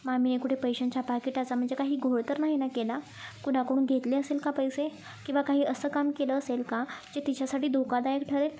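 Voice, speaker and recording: Gentle, patient young woman, high soft-toned voice, read by a woman storyteller for a storybook. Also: little pitch movement, fairly quick, natural voice. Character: calm caring young woman, eldest daughter.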